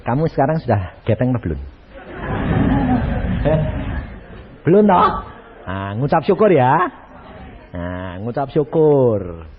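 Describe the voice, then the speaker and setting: A man preaching a sermon, animated and acting out dialogues. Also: mid-range voice, unhurried, long pauses, some chatter behind. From Indonesia. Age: 80s. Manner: animated, acts out dialogues in a shifting voice. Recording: dull lo-fi sermon recording.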